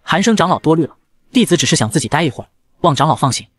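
Guy doing a cold quiet young disciple, curt replies, quick pace, dry sound. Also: a little high, animated, no room sound. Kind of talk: fast manga recap narration.

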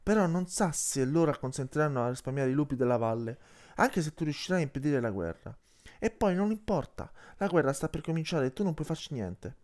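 A man's voice: fairly high pitch, sing-song, brisk, a little mellow, voice pushed up. A man sneering as a scornful great wolf. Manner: sneering, threatening.

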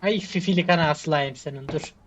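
Fairly quick and on the high side, a gamer's voice grumbles through exasperated commentary: he talks to himself, swears, sighs and mutters prayers at the game. A faint hiss and a slight muffling mark the recording.

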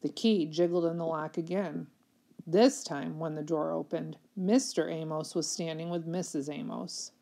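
A woman's voice: low-pitched, fairly even intonation, normal speed, gravelly, mellow. Woman reading a novel aloud. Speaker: reader.

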